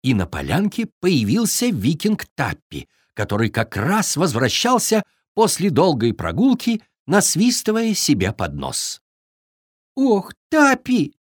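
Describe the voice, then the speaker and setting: A storyteller reading a children's fairy tale aloud in a very expressive, sing-song way. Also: mid-range voice, a little slow, few pauses, breathy edge, no echo, clean studio sound.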